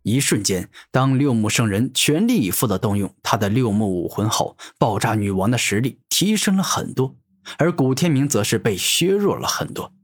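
A man's voice: mid-range voice, expressive, moderate pace. A man narrating a web novel audiobook in a dramatic, emphatic way.

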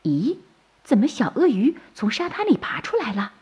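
A woman voicing a tender, worried mother turtle in a bedtime story, speaking softly and a little lower than her narration. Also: very animated, normal speed, breathy edge, exaggerated voice. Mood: fretful.

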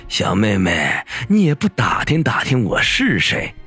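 A man's voice: medium pitch, huge pitch swings, slow pace, fairly bright tone, husky, soft background music, voice pushed up, heavily acted. A man doing a sneering young thug boss. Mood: gloating. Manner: sneering, gloating, menacing chuckles. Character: arrogant lecherous young male gang boss. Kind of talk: audiobook character voice.

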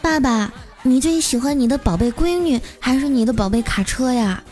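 A cheeky six-year-old girl, as a woman storyteller puts her on, with a sweet, pleading little voice pitched well above the narrator's own. She talks in a childish, wheedling way, and music plays faintly in the background. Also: animated, moderate pace, darkish tone. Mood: timid.

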